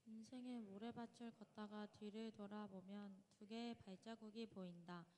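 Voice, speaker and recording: A woman reading a devotional text aloud at a measured pace as part of a church service. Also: medium pitch, steady tone, warm tone. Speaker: congregation reader. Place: church sanctuary. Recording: long church reverb.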